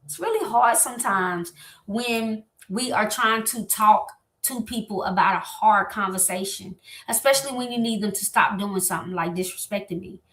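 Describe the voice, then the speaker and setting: Bright, lively woman in a roomy space. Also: medium pitch, normal speed. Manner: lively, animated, talks straight to listeners. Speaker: host. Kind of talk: motivational talk on relationships. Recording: echoey room.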